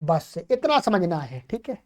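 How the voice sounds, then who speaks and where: A woman teaching a grammar lesson online, explaining rules step by step, checking in with her students and slowing down to recite rules. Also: lowish voice, very animated, a little mellow. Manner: explanatory, checks in with listeners often. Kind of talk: online lecture.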